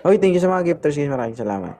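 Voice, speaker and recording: A man's voice: a little high, big pitch swings, rapid-fire, noisy background. A man hosting a casual livestream, teasing his partner and thanking gifters by name. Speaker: livestream host.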